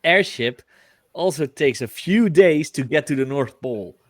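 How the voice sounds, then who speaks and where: A man's voice: a little high, animated, a little slow, no echo. A man, narrating as game master, often stopping to search for words.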